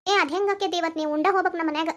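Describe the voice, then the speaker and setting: A woman's voice: extremely high pitch, fairly even intonation, very fast. A woman voicing a remorseful middle-aged mother in a cartoon, apologetic and pleading, with a North Karnataka Kannada accent. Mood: insistent. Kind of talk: cartoon voice acting.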